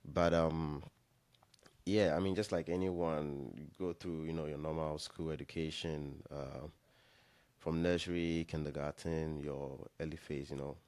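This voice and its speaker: A young man from Ghana talks as a podcast guest, his voice extremely low and deep. He rambles easily, circling back with fillers and restarts. The sound is dry and close, with no room around it. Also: steady tone, a little slow, darkish tone, dry recording. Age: young adult. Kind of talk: casual interview chat.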